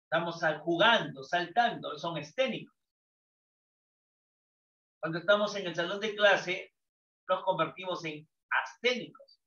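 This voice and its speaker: With a bright, forceful tone and a voice that sits high, an older man from Peru lectures a psychology class at a measured pace, pausing often. He asks questions and answers them himself. The recording sounds echoey, distant and dull, clearly lo-fi.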